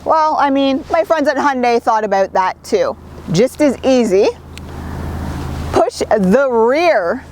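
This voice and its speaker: A woman's voice: sits high, darkish tone, a little hiss or hum. A woman reviewing a car, chatty and enthusiastic as she walks through its features. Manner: chatty, enthusiastic, with little laughs. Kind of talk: upbeat car review walkthrough.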